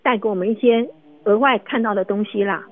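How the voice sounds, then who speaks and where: A woman's voice: medium pitch, brisk. A woman with a Taiwanese Mandarin accent hosting a radio discussion, telling anecdotes in an emphatic, explanatory way with frequent tag questions. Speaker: radio show host and commentator. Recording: thin phone-like radio sound, roomy echo.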